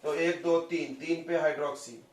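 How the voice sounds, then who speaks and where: A man lectures on chemistry to a class, prodding students with quick questions and repeating key terms. His voice sits a little high and sounds roomy, picked up from some distance away from the mic. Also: steady tone, a little hiss or hum. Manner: coaxing, drills students with questions. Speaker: chemistry teacher.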